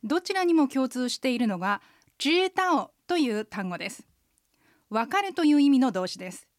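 A woman in her forties hosts a radio language lesson, her somewhat high voice moving slowly through each explanation. The studio sound is dry and close to the mic, with no room echo. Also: very animated. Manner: slow, careful explaining.

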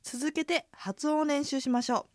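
A woman's voice: high-pitched, steady tone, normal speed, no room sound, studio quality. A woman from Toyama, an inn hostess co-hosting a radio language lesson, guiding the talk with comments. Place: radio studio.

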